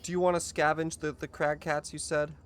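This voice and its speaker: A man's voice: fairly high pitch, level tone, brisk, clean tone. A man narrating as game master, loose and rambling, correcting himself as he goes.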